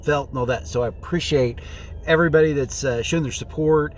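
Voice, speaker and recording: A man's voice: on the high side, fairly quick. Man, casual vlogger, rambling informal delivery, thinking aloud, phone recording inside a car, faint vehicle noise. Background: faint vehicle ambience.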